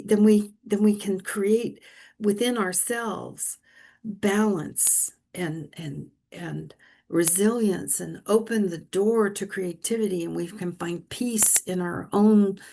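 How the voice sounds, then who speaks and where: A woman's voice: mid-range voice, creaky, dark tone, a little hiss or hum. A middle-aged woman minister giving a sermon in an earnest, conversational way, often restarting her sentences.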